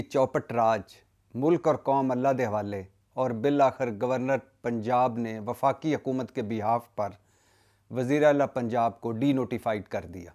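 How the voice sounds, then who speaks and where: A man's voice: mid-range voice, a little mellow. A man delivers solo political commentary in an indignant, emphatic tone, with a mid-range voice. He builds his points through rhetorical questions and long lists, often breaking off words and restarting them. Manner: frequent self-corrections and cut-off words.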